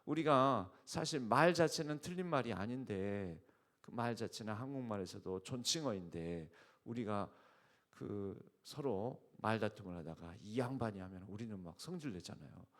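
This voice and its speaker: A man's voice: on the low side, animated, normal speed, a bit bright. A male pastor preaching an early-morning sermon, emphatic and explanatory, often putting rhetorical questions to the congregation. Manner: uses spoken fillers and restarts while explaining.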